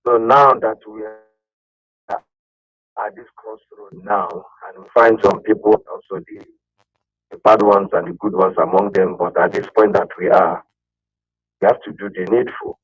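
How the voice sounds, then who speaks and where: A man calling in to a radio show, speaking haltingly and searching for words. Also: on the low side, fairly even intonation, fairly bright tone, breathy edge, no echo. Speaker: caller. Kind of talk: call-in radio speech. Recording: muffled call line with faint music.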